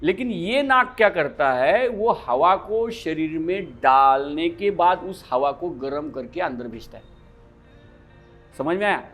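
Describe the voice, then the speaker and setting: A yoga teacher lectures his class in a high, animated voice that swings widely in pitch. He keeps putting questions to the room and answering them himself. Faint music plays behind him.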